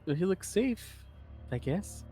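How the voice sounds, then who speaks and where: A man's voice: sits high, sing-song, takes it slowly, music in the background. A man playing a tabletop game, chatting casually in a jokey, playful way.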